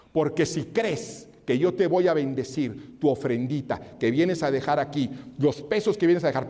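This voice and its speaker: Emphatic high-voiced male pastor, echoing hall. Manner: emphatic, swinging between loud rises and low drops. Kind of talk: sermon. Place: church hall.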